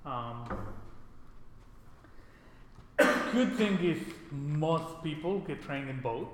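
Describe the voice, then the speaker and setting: A man from Mexico teaches programming in a casual, informal way, speaking slowly and expressively in a voice on the high side. He often checks in with short tag questions seeking agreement. The indoor classroom recording is echoey and reverberant, with background noise.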